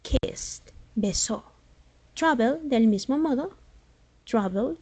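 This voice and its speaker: A woman's voice: fairly high pitch, lively intonation, slow, a little mellow, slightly rough, no room sound. A woman English teacher and native Spanish speaker, explaining grammar rules step by step in a patient classroom style with rhetorical questions.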